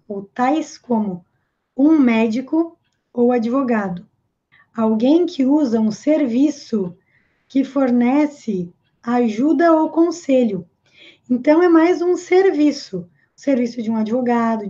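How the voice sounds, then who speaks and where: A Brazilian woman with a Brazilian Portuguese accent gives a patient, step-by-step English lesson. Her voice is high and mellow, and she speaks slowly. The audio is a little dull and lo-fi. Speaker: English teacher. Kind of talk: explanatory language lesson.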